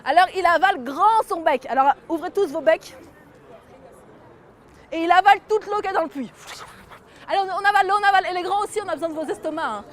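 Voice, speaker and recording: A woman's voice: very high-pitched, fast talker, pauses often. A woman storyteller telling a folk tale to children and getting them to join in. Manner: lively, gets the audience to join in.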